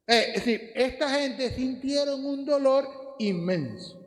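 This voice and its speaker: Man, Dominican Spanish accent, preacher, high animated voice, church hall reverb. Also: takes it slowly. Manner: lively, rhetorical questions to the congregation. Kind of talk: sermon.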